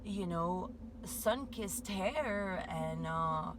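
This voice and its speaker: A woman's voice: lowish voice, very slow. A woman giving a meandering spiritual monologue, full of "like" and "you know" fillers. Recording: steady background noise.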